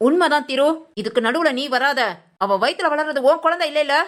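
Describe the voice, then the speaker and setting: A woman's voice: high-pitched, fairly quick, fairly bright tone. A woman playing a domineering mother-in-law who harshly scolds her daughter-in-law in a village family drama. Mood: scolding.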